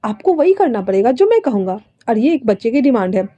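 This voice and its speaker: A woman's voice: fairly high pitch, very animated, brisk, mellow, muffled recording. A woman voicing a possessive, sulky young man who makes stubborn, clingy demands, read aloud in a storytelling retelling.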